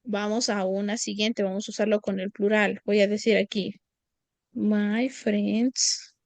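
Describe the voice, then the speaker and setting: A woman English teacher giving a lesson, speaking slowly and patiently and repeating each phrase for her students. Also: mid-range voice, flat delivery, dry recording.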